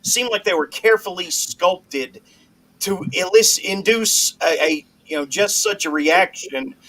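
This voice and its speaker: A man co-hosting a podcast, talking in a halting, hesitant way. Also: high voice, fairly bright tone, rough recording. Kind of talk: casual podcast chat.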